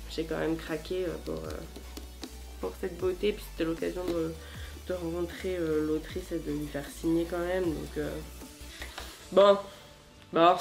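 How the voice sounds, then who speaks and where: Une femme qui tient une chaîne sur les livres et parle de façon décontractée et bavarde, avec beaucoup de « euh ». Sa voix se situe dans un registre moyen. Une petite musique discrète joue en fond. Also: female voice, mid-range voice. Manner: chatty, many hesitations. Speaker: book vlogger. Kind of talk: casual vlog chat.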